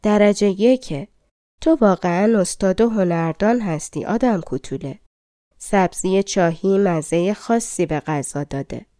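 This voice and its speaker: A woman's voice: mid-range voice, warm tone, no echo, clean studio sound, lightly acted. A woman reading a fairy-tale audiobook, voicing a pompous male head chef of a palace with a lordly manner. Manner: lordly, skeptical, then impressed.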